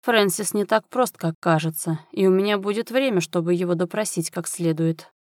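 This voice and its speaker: A woman's voice: lowish voice, moderate pace, no echo, studio quality, lightly acted. A woman voicing a stern male lord and soldier who speaks curtly and commandingly. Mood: cold command. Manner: curt, commanding. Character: stern cold male military lord, quick to anger.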